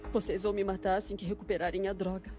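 A woman's voice: mid-range voice, level tone, quick pace, over music, natural voice. An actress with a Brazilian accent dubbing a tense, practical female boat skipper in a film thriller. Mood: tense, resisting. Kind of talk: dubbed film thriller acting.

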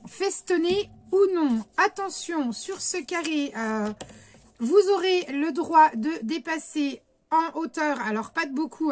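High-voiced woman hesitantly explaining crafts. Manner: hesitant, many fillers and self-corrections. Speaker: scrapbooking YouTuber. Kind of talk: casual crafting tutorial.

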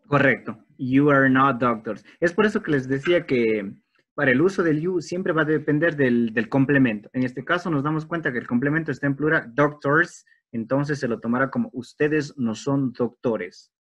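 Over a video call, a man teaches an online English class, patiently walking through grammar step by step and slowing down for the English examples. His voice is a little high, and the audio sounds dull.

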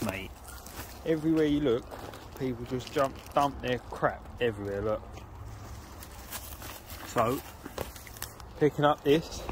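A man, excitedly talking to camera in a casual fishing vlog by a lake. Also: medium pitch, slight background noise. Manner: excitable, slangy, chatty. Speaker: fishing vlogger. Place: lakeside outdoors. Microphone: phone camera, handheld or on a tripod.

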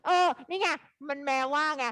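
A woman's voice: sits high, moderate pace, bright, forceful tone, no echo. A woman teaching English in a live online class, explaining and checking often whether students follow. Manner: explains with frequent checks like "okay?".

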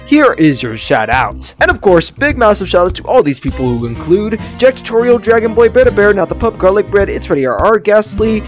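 Bouncy high-pitched man, lively gaming newscaster. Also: fairly quick, few pauses, soft background music. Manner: energetic, playful, bursts into sudden shouts. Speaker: gaming news YouTuber. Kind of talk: casual gaming news commentary.

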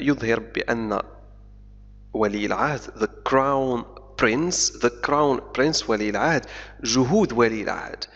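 A man teaching English who reads a news article slowly, word by word, then explains it in Arabic, pausing often and correcting his own slips. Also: medium pitch, a bit bright. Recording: dull lo-fi sound with long reverb.

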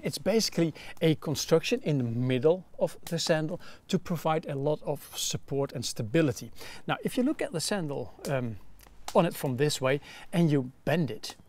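A Dutch man in his thirties reviews gear casually beside an outdoor campfire, speaking in a slightly high, somewhat mellow voice with a faint hiss or hum in the audio. He goes into detailed explanations, peppered with frequent fillers.

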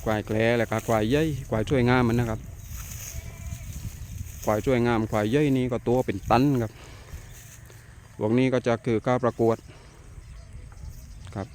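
A middle-aged man hosting his own farm vlog outdoors, talking in a relaxed, chatty way and often ending phrases with polite particles. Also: mid-range voice, normal speed, long pauses, slight background noise. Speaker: channel host.

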